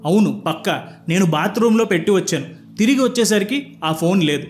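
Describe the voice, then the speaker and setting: A man's voice: high voice, animated, fairly quick, faint music behind. A man reading the angry, curt lines of a hot-tempered young man in a spoken story.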